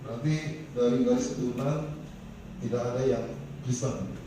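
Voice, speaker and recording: A man's voice: medium pitch, fairly even intonation, moderate pace. A man interviewing a guest casually, using short prompts and confirmations. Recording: echoey room from far off with faint noise.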